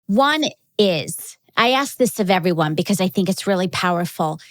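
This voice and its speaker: A woman's voice: on the low side, lively intonation, normal speed, no echo. A woman hosting a podcast interview, encouraging and affirming her guest. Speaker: podcast host.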